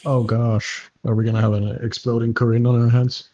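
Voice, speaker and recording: A man's voice: medium pitch, level tone, brisk, mellow. A man playing in a tabletop game, chatting in casual, joking banter. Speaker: player. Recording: muffled, noisy mic with clicks.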